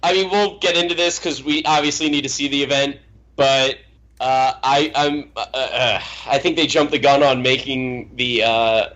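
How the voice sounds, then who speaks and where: A man's voice: medium pitch, fairly even intonation, moderate pace, fairly bright tone. Blunt man on a dull-sounding mic. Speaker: podcast co-host. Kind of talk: casual chat.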